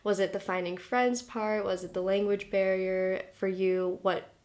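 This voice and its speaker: A woman's voice: medium pitch, flat delivery, unhurried, darkish tone. A young woman hosting a podcast, asking questions in a chatty, upbeat way. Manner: chatty, upbeat, laughs along. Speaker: podcast host. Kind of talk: casual interview chat.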